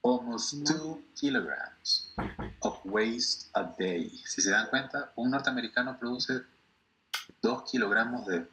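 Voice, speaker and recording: Slow, patient male English teacher. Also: medium pitch, sharp tone, rough recording. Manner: slow, patient, repeats words for drilling. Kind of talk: classroom language lesson.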